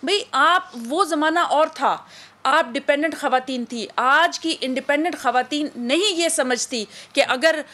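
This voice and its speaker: A woman's voice: sits high, unhurried, bright, forceful tone. A woman official explaining her agency's work as a talk show guest. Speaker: official of a women's protection authority.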